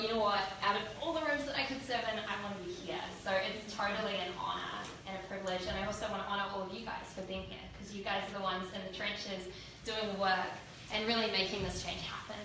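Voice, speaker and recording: A woman's voice: mid-range voice, sharp tone. Echoey, distant New Zealand woman giving motivational keynote. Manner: storytelling with rhetorical questions to the audience. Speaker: keynote speaker. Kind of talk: motivational keynote talk to a live audience. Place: indoor event room with an audience. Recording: distant mic, echoey room, noisy.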